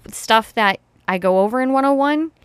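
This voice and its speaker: A woman's voice: fairly high pitch, expressive, normal speed, clear, resonant tone, no room sound. A woman hosting a casual podcast who teaches rope classes, explaining step by step and laughing easily. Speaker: podcast host and rope bondage instructor.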